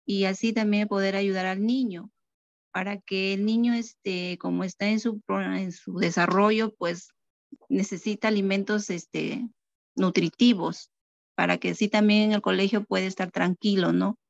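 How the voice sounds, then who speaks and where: A woman's voice: mid-range voice, fairly even intonation, normal speed, creaky, no echo. Woman, student answer, hesitant, dry dull call audio. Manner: thoughtful, hesitant with fillers. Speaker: student teacher. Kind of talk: answering in an online class. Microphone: video call.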